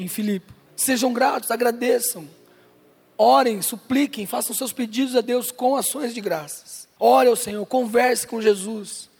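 High-voiced husky pastor in a reverberant hall. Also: male voice, a little mellow. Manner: playful, jokes with and addresses the congregation. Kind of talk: sermon. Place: church service.

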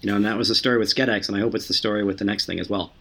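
A man talking casually as a podcast guest about his software work, stumbling over many restarts and fillers. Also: on the low side, fairly even intonation, rapid-fire. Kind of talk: casual conversation.

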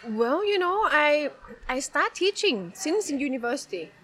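A woman with a Thai accent talking casually as an interview guest, in a halting way that repeats words. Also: high-pitched, sing-song, a bit bright. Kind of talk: casual chat.

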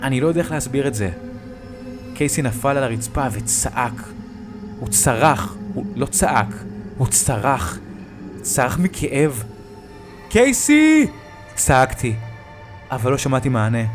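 A man telling a first-person creepy story in a tense, hushed retelling. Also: mid-range voice. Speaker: narrator. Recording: music bed behind the voice.

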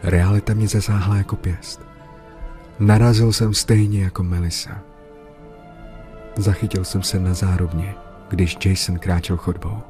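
A man with a fairly low voice telling a horror story in a steady, scripted way. He occasionally gets louder for the characters' lines. Faint music plays underneath. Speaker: narrator.

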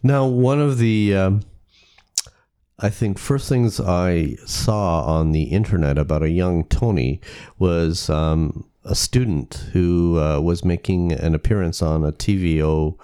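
A man's voice: sits low, takes it slowly, warm tone, smooth. A man hosting a local radio talk show, asking questions with a hesitant, filler-heavy manner. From England. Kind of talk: casual interview chat.

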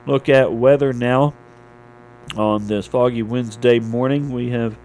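A male radio anchor delivers a scripted local newscast at a middling pitch. He reads like a small-station morning host covering sports and weather, with noticeable hum and noise behind him. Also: fairly even intonation, unhurried, a little mellow, poor audio. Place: radio studio.

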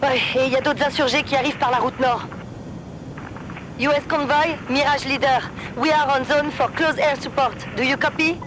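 Cheffe de patrouille qu'une actrice joue, radio du cockpit au casque, voix haute et nette, bruit moteur bien présent. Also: female voice, sits high, steady tone, normal speed, background noise. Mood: tense. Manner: crisp clipped radio procedure talk. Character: woman fighter pilot, calm patrol leader. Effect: pilot talking over a cockpit headset radio.

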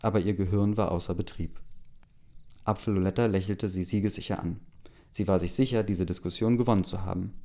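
A man's voice: low-pitched, steady tone, fairly quick, warm tone. A man casually reading a story aloud, hesitant, with many fillers. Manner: hesitant, many fillers, laughs between lines. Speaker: story reader.

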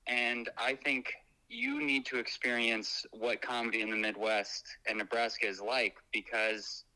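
A man's voice: medium pitch, little pitch movement, measured pace, pushed and bright, low-quality recording. A man chatting casually as a guest comedian, heard through a phone on speakerphone, laid-back and joking. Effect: heard over a phone on speakerphone.

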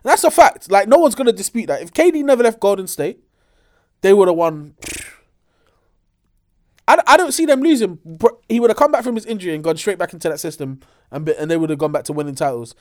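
A young man with a London accent in a casual, animated sports debate, slangy and emphatic. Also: sits high, quick pace. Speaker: sports talk show co-host. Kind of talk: casual basketball debate among friends.

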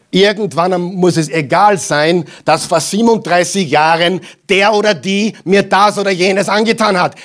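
Emphatic high-voiced male preacher. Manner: emphatic, repeats lines for the crowd to echo; mocking asides, swings between loud and quiet. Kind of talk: sermon.

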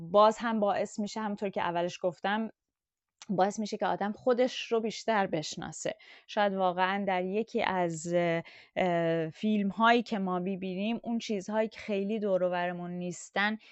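A woman in a workshop recommending a film, speaking thoughtfully with hesitant pauses and fillers over an online audio call. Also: on the low side, clean tone, dry recording, highs cut off. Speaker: workshop participant.

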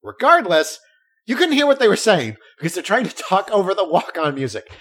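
Animated podcast man with lively pitch. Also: a little fast. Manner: animated storytelling with frequent restarts. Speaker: podcast co-host. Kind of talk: casual chat.

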